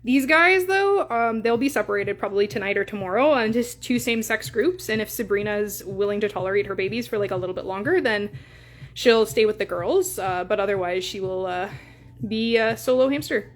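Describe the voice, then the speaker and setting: Streaming live, a young hamster breeder with a Canadian accent talks fairly quickly in a mid-range voice. Her casual chatter is packed with fillers and coos, and faint music plays behind her.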